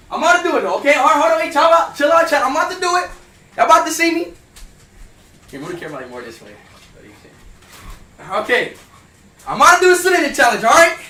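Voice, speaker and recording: Hyped young man streaming, high lively voice. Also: far from the mic. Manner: hyped and loud, swinging to nervous mutters. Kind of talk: live stream chat. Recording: roomy, off-mic with hum.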